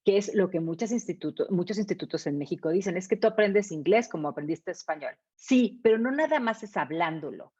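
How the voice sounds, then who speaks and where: A woman's voice: fairly low pitch, expressive, brisk, hardly any pauses, dark tone, husky. A woman, an English teacher explaining her method in an interview with emphatic repetition and rhetorical questions. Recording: dull lo-fi sound.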